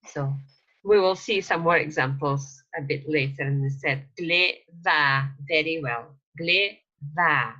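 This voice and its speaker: Low voiced lady teaching a slow beginner language lesson, bright edge, dull lo-fi sound. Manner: slow, repeats phrases for learners to copy. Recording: dull lo-fi recording.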